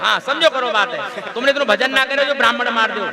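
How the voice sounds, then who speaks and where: A man's voice: extremely high pitch, a little fast, creaky. A man playing a comic young brahmin cowherd friend, in live folk devotional theatre. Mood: teasing. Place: outdoor stage before a crowd. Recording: loud crowd noise outdoors.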